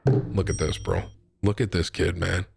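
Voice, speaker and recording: A young man from Syracuse, New York, hosting a stream in casual, animated chat: he reacts to clips and reads donations, says bro and man a lot, and swears. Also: low-pitched, a little slow, vocal fry, slight background noise. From Syracuse, New York, USA. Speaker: streamer and host.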